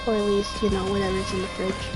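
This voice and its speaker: A gaming streamer in her twenties gives casual commentary over game music, rambling, trailing off and restarting her sentences often. Her medium-pitched voice is completely flat in delivery and quick, and her throat sounds dry and a little scratchy.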